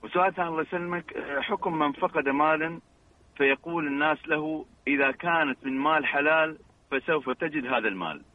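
A man's voice: fairly high pitch, fairly quick, slight background noise. A man calling in by phone with religious questions, polite and deferential toward the sheikh. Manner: polite, deferential, many blessings. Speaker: caller. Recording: tinny phone line.

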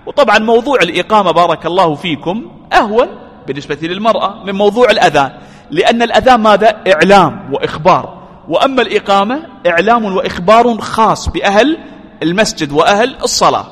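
A man's voice: sits high, animated, fast talker, fairly bright tone, husky, big-room sound. A man giving a religious lesson. He poses rhetorical questions, answers them himself, repeats key phrases for emphasis and blesses his listeners often. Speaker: religious teacher.

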